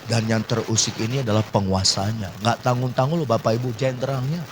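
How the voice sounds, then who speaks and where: A man preaching a sermon at a church service. He moves between quiet asides and shouted climaxes, slips in English phrases and keeps asking the congregation to agree. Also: medium pitch, steady tone, fairly quick, background noise. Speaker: pastor.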